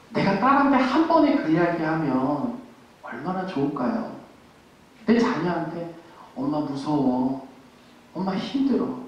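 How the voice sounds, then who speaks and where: A man in a priest's role speaks earnestly to a roomful of parents, asking them questions and then answering them himself. His voice sits a little high for a man. It sounds distant and echoes strongly around a large parish hall. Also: lo-fi sound.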